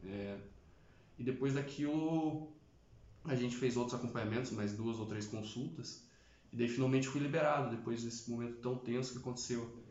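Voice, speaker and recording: Young man, halting earnest testimony, roomy echoey sound, dull lo-fi recording. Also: medium pitch, a little mellow. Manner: halting, earnest, many restarts. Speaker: testimony giver.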